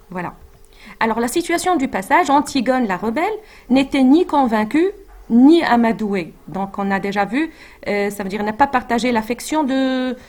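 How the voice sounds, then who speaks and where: A woman teaching French literature, talking through a scene with frequent fillers and restarts, reading quoted lines aloud. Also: on the high side. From Morocco. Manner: hesitant, many fillers and restarts. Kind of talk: explaining a literary text.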